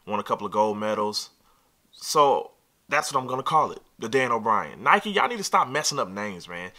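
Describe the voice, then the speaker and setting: A man in his thirties doing a casual, excited sneaker unboxing review, opinionated and talking straight to the viewer. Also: medium pitch.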